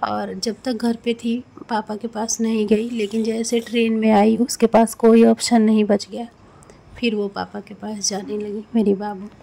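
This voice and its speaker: A woman's voice: on the high side, flat delivery, moderate pace, creaky, mellow, husky. Emotional woman vlogging a train trip. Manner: emotional, repetitive. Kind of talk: casual travel vlog narration. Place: train journey and station.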